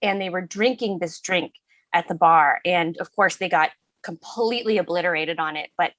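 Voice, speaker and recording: A woman guest in a casual podcast interview, an animated storyteller who often restarts her phrases. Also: lowish voice, moderate pace, dry recording. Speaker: spirits company founder, guest.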